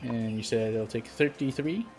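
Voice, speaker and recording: Young male game master, casual descriptive narrator, mid-pitched, filler-heavy. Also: moderate pace, darkish tone, faint music behind. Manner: loose, descriptive narration full of "like". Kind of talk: narrating a tabletop game over voice chat.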